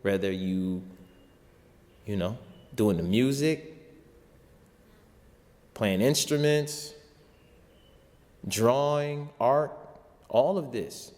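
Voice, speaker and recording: A man with a medium-pitched, slightly mellow voice draws out his words and takes long pauses. He is a show host and spiritual teacher giving an impassioned sermon-style talk in informal vernacular with rhetorical repetition, in a recording with long hall-like reverb.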